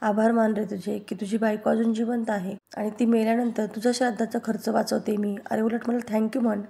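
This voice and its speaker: A woman's voice: on the high side, little pitch movement, a little fast, gravelly, dark tone. A woman voicing a scheming, vengeful woman villain from a TV serial recap, taunting and mocking.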